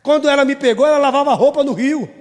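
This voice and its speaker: High-voiced man preaching in echoey church. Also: fast talker, faint music behind. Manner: animated storytelling, acting out family scenes. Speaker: pastor. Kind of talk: sermon. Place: church hall.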